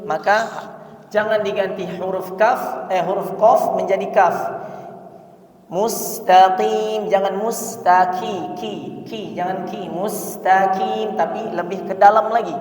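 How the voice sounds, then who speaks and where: A man's voice: sits high, fairly even intonation, measured pace, distant mic. A man teaching Quran recitation in a mosque lesson, speaking patiently and chanting verses as examples. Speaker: religious teacher. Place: mosque hall. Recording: roomy, echoey mosque hall from afar, dull lo-fi sound.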